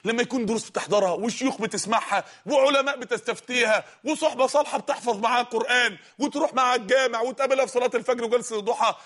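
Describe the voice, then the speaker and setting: A male preacher with an Egyptian Arabic accent delivers a fervent sermon at a breakneck pace. His voice sits very high and sounds bright and forceful, and he rises into shouts as he exhorts the congregation. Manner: fervent, fast, sometimes shouting. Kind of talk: impassioned sermon.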